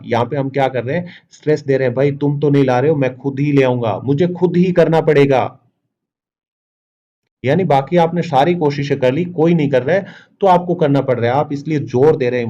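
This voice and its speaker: A man teaching a grammar lesson, asking the class questions and answering them himself, and reading out example sentences slowly and with emphasis. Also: medium pitch, mellow, dull audio.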